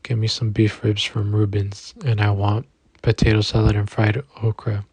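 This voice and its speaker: A man reading the lines of a gruff but doting middle-aged father for an audiobook. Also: on the low side, monotone, normal speed, darkish tone, no room sound.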